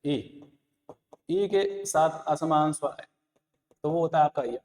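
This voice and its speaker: A man's voice: on the high side, slow, a little mellow, in a large hall. A man teaching an exam-prep lesson, repeating key points and quizzing listeners with rhetorical questions. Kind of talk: Hindi exam-prep lesson, explaining answers.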